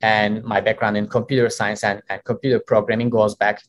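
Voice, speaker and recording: A man from Turkey whose first language is Turkish, a guest answering interview questions in a measured way with many "uh" fillers. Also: fairly low pitch, little pitch movement. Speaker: guest, company co-founder.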